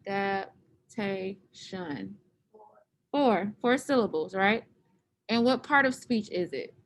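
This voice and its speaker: A woman's voice: a little high, expressive, normal speed, fairly bright tone, a little hiss or hum. Patient woman teaching an online class. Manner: patient, explains step by step.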